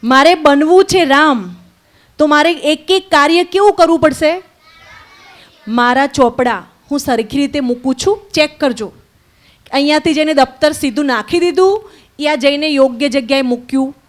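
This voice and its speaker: High-voiced woman teaching children. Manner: slow call-and-repeat blessings, then lively storytelling with questions to the children. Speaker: spiritual teacher at a children's summer camp. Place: indoor camp hall with children.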